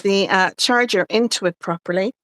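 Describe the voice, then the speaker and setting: A woman's voice: mid-range voice, moderate pace, fairly bright tone, no echo. Chatty woman crafting live on a call. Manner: chatty, talks through each crafting step. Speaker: crafting livestream co-host. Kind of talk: casual chat while crafting live.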